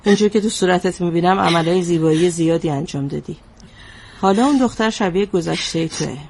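An actress playing a female therapist who asks calm, probing questions. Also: lowish voice, husky. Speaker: psychologist. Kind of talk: drama dialogue.

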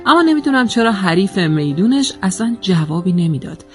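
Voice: medium pitch, big pitch swings, soft background music. A narrator reading a scripted first-person story in a wry, reflective manner.

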